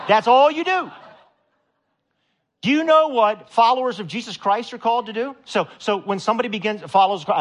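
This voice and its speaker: A man preaching a sermon to a congregation, animated and emphatic, with loud rising peaks. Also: high voice. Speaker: pastor.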